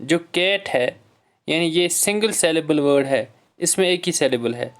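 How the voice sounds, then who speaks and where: A male English teacher giving a classroom lesson on syllables. He reads each English line slowly, explains it in Hindi, calls his students dear children and clears his throat often. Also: a little high.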